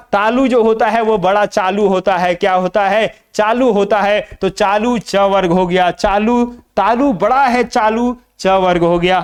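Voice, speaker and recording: A man's voice: high voice, clean tone. A man teaching an exam-prep lesson from Jharkhand, drilling mnemonics by asking and answering his own questions. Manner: repetitive call-and-response drilling, asks and answers own questions; chants mnemonics slowly.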